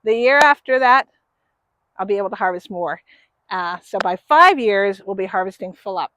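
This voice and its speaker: A woman's voice: medium pitch, moderate pace, slight background noise. Chatty woman gardening outdoors. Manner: relaxed, chatty, with fillers. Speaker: gardening channel host. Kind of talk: casual how-to gardening talk. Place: outdoors in a garden bed in a grassy field.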